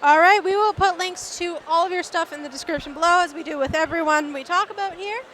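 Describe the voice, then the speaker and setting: With a very high, fairly bright voice and a quick pace, a Canadian woman hosts a casual reptile vlog, eagerly talking with vendors at an indoor expo despite losing her voice. There's slight background noise.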